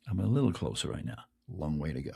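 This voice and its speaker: A middle-aged Englishman hosts his podcast with a casual, self-deprecating monologue, talking very fast and with great animation. His gravelly, slightly husky voice has a darkish tone and leaps around in pitch as he throws out rhetorical questions.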